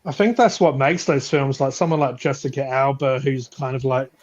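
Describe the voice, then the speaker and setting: A man chats casually at a normal speed with a medium-pitched, steady voice, rambling, restarting often, and laughing as he goes. The audio sounds dull and lo-fi, like a live stream.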